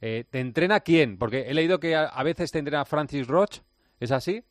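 A man's voice: fairly high pitch, normal speed, no room sound. A man hosting a radio sports chat, asking friendly, teasing questions. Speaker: radio host.

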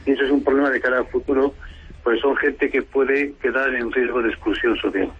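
A man with a very husky, raspy voice comes through a dull, lo-fi phone line. He talks in a measured, explanatory way, like an official answering questions on the radio. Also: mid-range voice, fairly even intonation. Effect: heard over a muffled phone line. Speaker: union official.

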